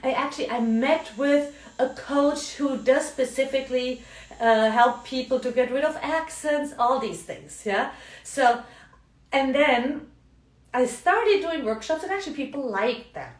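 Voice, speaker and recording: Her voice is high-pitched and a little slow: a middle-aged woman from Germany, a coach with a German accent, talking chattily during a live video. She keeps tagging on "yeah?" and "right?", recorded roomily from a distant mic.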